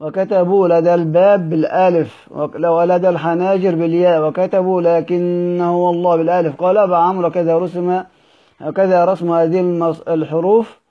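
A man's voice: sits high, little pitch movement. Man reading a classical text, lo-fi. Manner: measured reading with slow, drawn-out recitation of quoted verses. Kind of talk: recorded study session reading. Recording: dull lo-fi recording.

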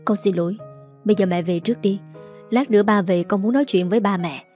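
A woman's voice: fairly high pitch, expressive, fast talker, warm tone, faint music behind, close to an everyday voice. A woman voicing an earnest young man who pleads with his stepmother in a firm but pleading way.

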